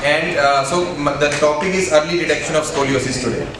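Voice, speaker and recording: A man's voice: a little high, fast talker, a crowd in the background. Echoey, distant Indian man lecturing. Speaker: spine surgeon giving a lecture. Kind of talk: medical conference presentation. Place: hotel banquet room, indoors. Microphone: handheld microphone, heard through distant camera. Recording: echoey room from afar, audience murmur.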